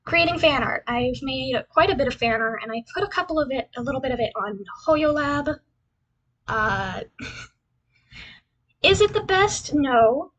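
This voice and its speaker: A young woman livestreams as a cute anime-style VTuber, introducing herself over a slideshow and rambling casually, repeating phrases in a self-deprecating way. Her high-pitched voice is expressive and a bit bright at normal speed, with lo-fi sound.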